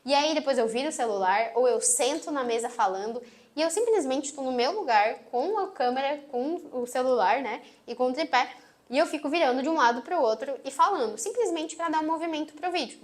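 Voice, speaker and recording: A woman with a Brazilian accent and a sweet, gentle voice, teaching an online course lesson and closing her phrases firmly. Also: high voice, expressive, a little fast. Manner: emphatic, closes phrases firmly. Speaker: marketing instructor. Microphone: phone on tripod.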